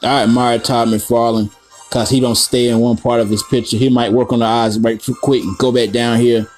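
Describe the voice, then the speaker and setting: A man's voice: medium pitch, little pitch movement, moderate pace, soft background music. A man hosting a casual coloring tutorial, rambling through profane, joking asides while he works. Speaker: art tutorial host.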